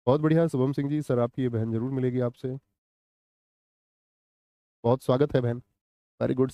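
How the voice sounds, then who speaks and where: Male online tutor, mellow tone, quizzes students and answers them himself. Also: mid-range voice, dry recording. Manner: quizzes students, answers his own questions; reads and answers live chat comments. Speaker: teacher. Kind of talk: live online Hindi grammar class.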